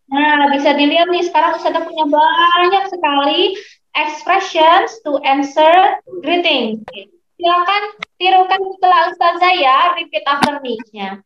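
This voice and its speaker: A woman teaching English online, explaining slowly and patiently to her students. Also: very high voice, fairly bright tone. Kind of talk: online class lesson, mixing English and Indonesian. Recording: echoey, slightly muffled online lesson audio.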